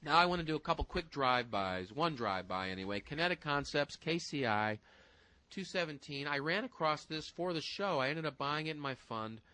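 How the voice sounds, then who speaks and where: A man co-hosting a casual financial talk show, walking through stock numbers in a brisk, folksy way and speaking straight to listeners. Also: a little high, expressive, pushed and bright, low-quality recording. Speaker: stock-picking co-host.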